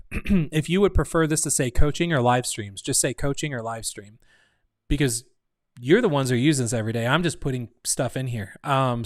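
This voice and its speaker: A man talks casually on his own live stream, thinking out loud and often restarting mid-sentence. His voice sits at a middle pitch. The sound is dry and close, with hardly any room around it. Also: dry recording. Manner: rambling, thinks aloud with restarts. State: hiccuping. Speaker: community host.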